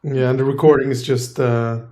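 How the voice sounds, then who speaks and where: A man's voice: medium pitch, steady tone, moderate pace, a little mellow. A man, a musician in a band, talking casually in an interview and hesitating often with fillers. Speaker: band member.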